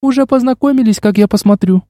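A man's voice: very high voice, fast talker, warm tone, dry recording, studio quality, voice pushed up. A man reading an audiobook, voicing a bossy young woman, the narrator's protective younger sister. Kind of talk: audiobook character voice.

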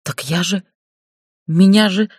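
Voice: medium pitch, slow, slightly rough, dry recording, studio quality, pitched above the performer's own voice. A narrator voicing a young female office accountant in an audiobook, pleading and then standing up to her boss. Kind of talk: audiobook character voice.

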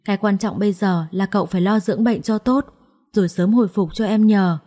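A woman voicing an anxious, devoted young wife in a storybook reading, speaking softly and politely. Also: mid-range voice, brisk, close to an everyday voice. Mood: worried, caring. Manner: soft, pleading, polite.

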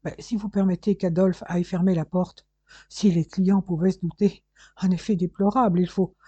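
A nervous, stammering male hotel manager in an audiobook, as a reader puts him on. The voice is pitched up and urgent, with a very dark tone and a dull lo-fi recording. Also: level tone, normal speed, husky, no room sound, close to an everyday voice. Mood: flustered. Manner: stammering, anxious.

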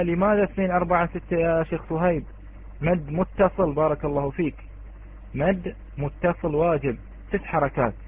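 Guy teaching quran reading online, kinda high husky voice, tinny phone sound. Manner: patient, asks students questions, chants examples.

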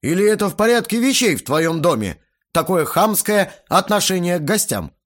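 A man voicing a red-faced, indignant fat middle-aged uncle who shouts and sputters, in an audiobook. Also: sits high, sing-song, normal speed, voice pushed up. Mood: indignant shouting.

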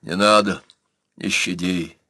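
A man reading an audiobook, voicing a tortured former bodyguard who speaks in slow, strained defiance. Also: low-pitched, steady tone, sharp tone, no room sound, heavily acted. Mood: defiant.

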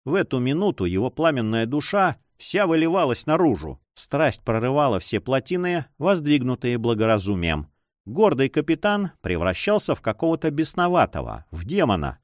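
A man narrates an adventure novel with dramatic expression. His pitch rises and falls widely over a dry, close recording with an ordinary middle pitch. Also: sing-song, normal speed, no room sound. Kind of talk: audiobook reading.

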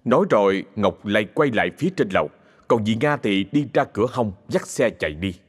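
A man's voice: fairly low pitch, lively intonation, fairly quick, slightly rough. A man narrating a ghost story with dramatic storytelling.

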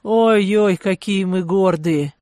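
A woman voicing a hoarse, hungover German man who grumbles and sulks in an audiobook. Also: mid-range voice, slow pace, dark tone, no echo, clean studio sound, close to an everyday voice. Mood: hoarse, pleading. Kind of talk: audiobook character voice.

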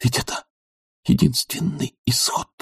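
A man's voice: medium pitch, lively intonation, brisk, dark tone, husky, dry recording, clean studio sound. A man voicing an earnest, devoted young doctor who pleads passionately and drops to urgent whispers.

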